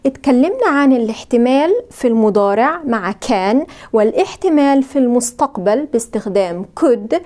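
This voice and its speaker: A woman with an Egyptian Arabic accent teaching an English grammar lesson, saying model sentences slowly so learners can repeat them. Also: fairly high pitch. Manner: lively, sing-song teaching intonation.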